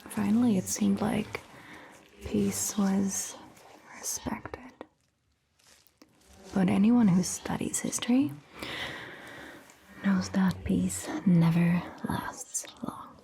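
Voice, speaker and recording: An ASMR performer, a woman, plays a calm and attentive vampire doctor in a roleplay, whispering softly and breathily. Her phrasing is measured and gentle, and her voice is mid-range.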